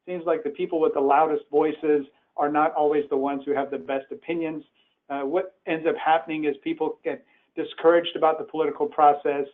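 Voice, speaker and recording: A man born in Iran gives a presentation from home as a webinar speaker, sounding earnest and conversational. His voice is a little high and level in tone, and he speaks fairly quickly. The remote call comes through as tinny, phone-like web audio.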